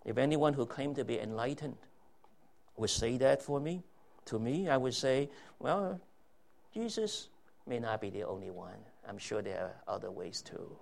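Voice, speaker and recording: Gravelly man preaching with emphasis. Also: mid-range voice, animated, a little mellow. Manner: emphatic preaching with rhetorical questions, drawn-out stressed phrases. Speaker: pastor. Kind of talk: sermon.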